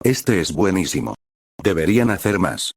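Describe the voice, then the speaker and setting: A proud demon fighter from a fan story, gruff and grudging, as a man reads him out. The voice is low and dry. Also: sing-song, normal speed, no echo, exaggerated voice.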